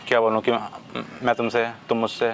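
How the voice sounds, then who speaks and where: A man's voice: medium pitch, level tone, normal speed, vocal fry, crowd noise. A young man hosting a prank video, talking in a pushy, teasing way. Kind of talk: casual prank banter. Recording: noisy background.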